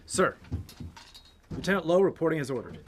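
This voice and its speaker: A man's voice: on the low side, fairly quick, slight background noise, close to an everyday voice. An actor playing an eager, indignant young cavalry lieutenant in a western film, clipped and formal as he protests his orders. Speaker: army lieutenant.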